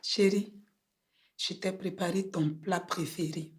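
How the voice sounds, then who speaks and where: A woman's voice: lowish voice, steady tone, slow, darkish tone. An actress with a Burkinabè French accent, playing a devoted wife who pleads earnestly with her husband. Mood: pleading.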